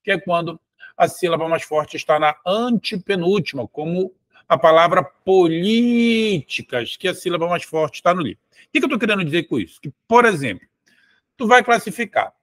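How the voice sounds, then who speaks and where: A man's voice: high voice, expressive, brisk, a bit bright, no echo, clean studio sound. A man teaching Portuguese for an exam, explaining step by step and drawing words out syllable by syllable. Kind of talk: exam-prep lesson.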